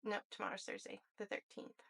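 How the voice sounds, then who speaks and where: A woman in her thirties co-hosting a casual podcast, animated and blunt with quick exclamations. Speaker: podcast co-host. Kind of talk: casual chat.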